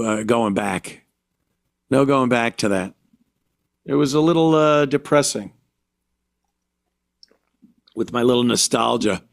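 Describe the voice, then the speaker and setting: A man from the United States hosting a podcast, talking alone in an indignant rant full of halting restarts. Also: mid-range voice, no room sound, studio quality. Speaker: podcast host. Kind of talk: podcast monologue.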